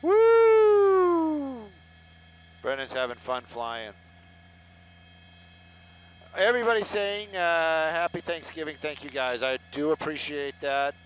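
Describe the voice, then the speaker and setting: A middle-aged helicopter traffic reporter rambles live on air through a headset mic from inside a helicopter in flight, joking in a sarcastic, self-deprecating way. His voice is a little high and fairly bright, measured with frequent pauses, and the audio is poor.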